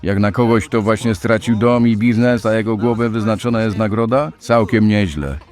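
A man reading in voice-over style as a dry, sarcastic male criminal, with flat delivery. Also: lowish voice, moderate pace, faint music behind, natural voice. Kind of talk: Polish voice-over reading of game scenes.

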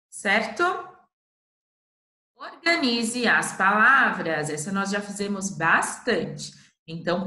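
A woman teaching a slow, clear literacy lesson to young children with a Brazilian Portuguese accent, patiently sounding out syllables and checking in often. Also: medium pitch, pushed and bright. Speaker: primary school teacher. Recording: echoey room.

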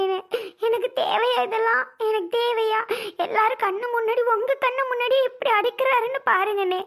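Woman playing shrill defiant young wife. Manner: taunting, shrill and tearful. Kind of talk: family skit acting.

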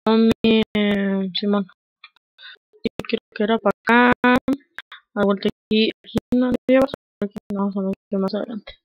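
A man with a Mexican accent giving casual gameplay commentary over a headset, muttering quietly to himself in slang with sudden excited outbursts. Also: high-pitched, normal speed, no echo, lo-fi sound. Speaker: gamer.

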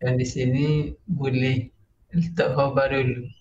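A man's voice: mid-range voice, little pitch movement, slow pace, muffled recording, crowd noise. A man, a student reading aloud and translating word by word, hesitantly.

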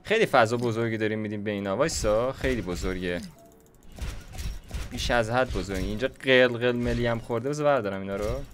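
A man's voice: mid-range voice, slight background noise. A young man giving casual, slangy gameplay commentary, chatting to himself as he builds. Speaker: gaming YouTuber.

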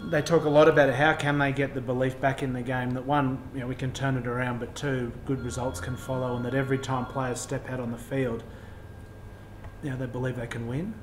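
A man's voice: mid-range voice, little pitch movement, a little fast, over music. A man, chatting casually in an interview. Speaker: interviewer and former professional rugby player. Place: indoors in an empty bar. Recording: roomy, echoey sound with faint noise.

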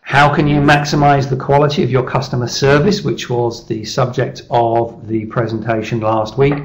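A middle-aged man giving a persuasive business presentation over slides on a webcam call, steady and measured with small restarts. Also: medium pitch, poor audio. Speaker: leadership speaker presenting his service. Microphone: webcam video call.

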